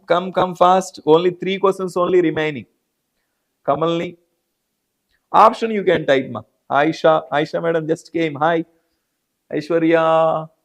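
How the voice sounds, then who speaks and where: Brief: higher-pitched Indian English male teacher, repetitive, calls students by name. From South India. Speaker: biology teacher. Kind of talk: live online class.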